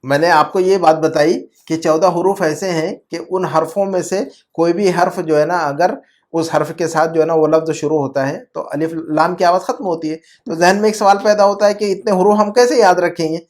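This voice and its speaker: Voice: mid-range voice, fairly even intonation, darkish tone. An Arabic teacher explaining pronunciation in an online class, repeating words patiently, checking understanding often and mixing in English terms.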